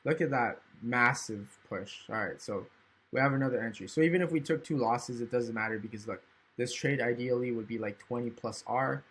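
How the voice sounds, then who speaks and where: This man speaks in a mid-range, slightly rough voice with a fairly bright tone and a fairly quick pace. As a trading educator with hiccups, he casually narrates a screen-recorded chart walkthrough, musing aloud and often asking "right?".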